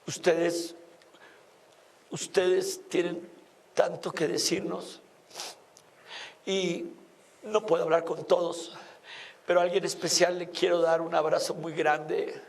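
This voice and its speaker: A man hosting a reality show, giving a heartfelt, earnest talk by a campfire with many pauses. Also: on the high side, little pitch movement, creaky. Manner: slow, earnest, pausing often. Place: outdoors at a campfire at night.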